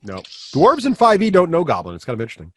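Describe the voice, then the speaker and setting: Guy running d&d, laughs a lot, kinda high voice, no room echo. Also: wildly swooping pitch, fast talker. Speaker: game master. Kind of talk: running a tabletop game.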